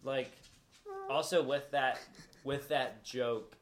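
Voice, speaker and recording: A laid-back man in casual podcast banter, thinking out loud as he talks. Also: medium pitch, fairly even intonation, slow.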